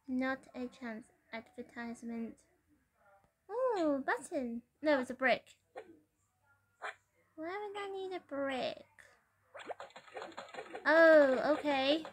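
A woman giving excitable gameplay commentary, exclaiming and giggling as she plays. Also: sits high, slow, long pauses. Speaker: gamer.

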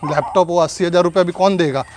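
A man's voice: sits high, quick pace, crowd noise. A man staging an angry argument at home, scolding and threatening someone. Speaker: prankster husband.

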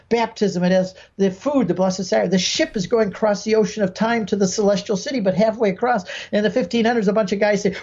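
A man in his sixties from Michigan, in the United States, guests on a podcast via video call from a home room with bookshelves. He has a high voice with a darkish tone, explains through stories and examples, and acts out quoted speech emphatically; the audio is lo-fi.

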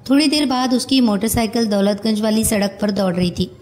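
Woman reading a story in a high-set voice. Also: brisk, darkish tone, rough recording. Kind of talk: storybook narration.

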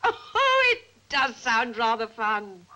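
A bright, genteel society lady. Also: on the high side, big pitch swings, takes it slowly, a little hiss or hum, full character voice. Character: refined upper-class lady patron. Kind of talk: 1950s film acting.

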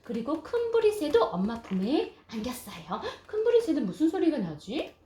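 A woman's voice: high voice, wildly swooping pitch, moderate pace, warm tone. A young woman, a mother, reading a picture book aloud to her infant in sing-song baby talk, with frequent coos and exclamations. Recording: echoey room, clear toy and background noise.

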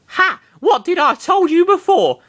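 A man's voice: extremely high pitch, big pitch swings, measured pace, a bit bright, pitched above the performer's own voice, exaggerated voice. Man putting on a brash teasing young woman. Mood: triumphant. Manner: pushy, teasing.

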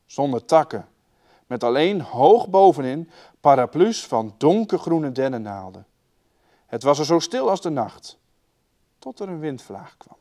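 A man with a Dutch accent reading a children's story aloud, raising and dropping his voice for the children's lines. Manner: lively, shifts loudness and pitch for the children's lines.

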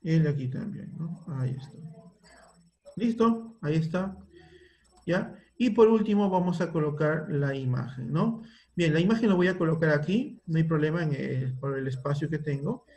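Male teacher with a Peruvian Spanish accent, patient, walks the class through each step on a video call, slightly higher voice. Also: moderate pace, warm tone. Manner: patient, thinks aloud while working the screen. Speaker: computer teacher. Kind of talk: online class, guiding a word-processing task.

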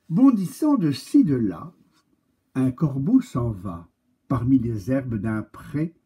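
A man reading a picture-book tale aloud to children, animated and speaking directly to his young listeners. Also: mid-range voice, breathy edge. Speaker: storyteller for children.

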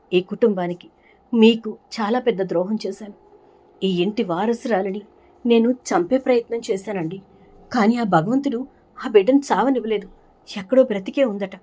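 A woman's voice: mid-range voice, dark tone, slightly rough, pitched above the performer's own voice, lightly acted. A woman voicing an older grandmother who confesses a wrong in a pleading, raised voice.

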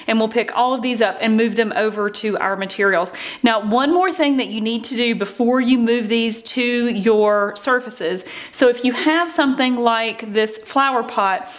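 A woman hosting a craft tutorial, talking casually and chattily as she walks through each step, with frequent ums and "okay, so". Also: on the high side. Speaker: craft channel host.

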